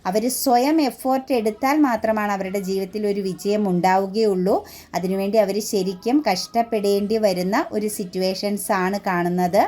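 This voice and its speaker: A woman's voice: mid-range voice, fairly even intonation, normal speed, mellow. A woman giving an earnest tarot reading straight to the viewer, talking with frequent fillers and restarts. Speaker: tarot reader.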